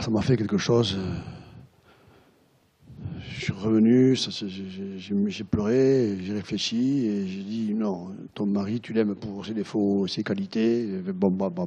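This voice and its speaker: A man retelling a worried middle-aged wife's words in his own low voice, confiding and halting, often repeating himself. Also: dark tone, slightly rough. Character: worried middle-aged wife, drinking patient.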